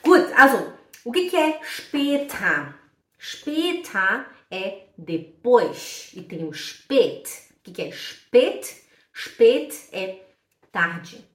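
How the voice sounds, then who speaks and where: A woman gives a casual, chatty German lesson, stopping to repeat words slowly so listeners can copy the sounds. Her voice sits somewhat high. The room is echoey and she sounds a little distant from the microphone. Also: sing-song, a bit bright. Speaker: German teacher. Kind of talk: casual online language lesson. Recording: echoey room, voice a bit off-mic.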